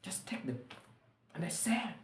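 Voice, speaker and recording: A Ugandan woman, Luganda being her first language, speaks to camera in a lowish, gravelly, very animated voice without hurrying. Her persuasive monologue is earnest and rallying, phrases repeated for emphasis, and the reverberant recording carries a little hiss or hum.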